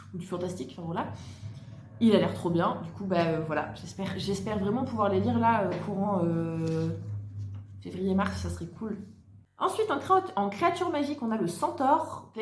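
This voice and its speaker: A woman's voice: mid-range voice, a little mellow, slight background noise. Chatty young woman, echoey room. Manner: chatty, hesitant, many fillers and restarts. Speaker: book vlogger. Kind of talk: casual chat.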